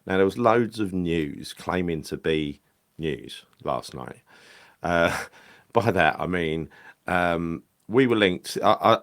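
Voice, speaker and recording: A football podcast host with a deep, gravelly voice chats casually on his own about football. He rambles and hesitates, full of fillers and self-corrections.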